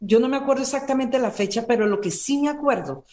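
A woman in her forties tells her personal story in an interview, earnest and emotional, circling back and repeating words. Her voice sits a little high. The room has a noticeable echo around her. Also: fast talker, a little mellow. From Colombia. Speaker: interview guest. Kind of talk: personal testimony in conversation.

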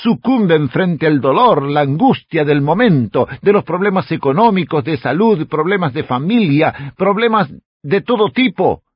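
A man's voice: fairly high pitch, expressive, normal speed, husky, no echo, muffled recording. A man preaching a radio sermon as a pastor, speaking earnestly and addressing the listener directly as a friend.

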